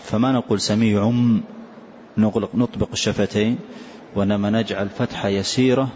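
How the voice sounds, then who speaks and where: Low-voiced guy explaining recitation rules, demos words slowly, dull lo-fi recording with faint hiss. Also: fairly even intonation, darkish tone. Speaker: Quran recitation teacher. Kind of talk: classroom lesson on tajweed rules.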